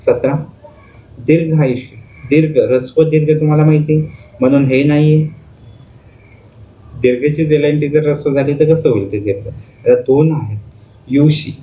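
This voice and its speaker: A man's voice: medium pitch, dark tone. A male teacher giving an exam-prep grammar lesson, explaining step by step by asking questions and answering them himself. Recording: phone-like lo-fi audio with faint noise.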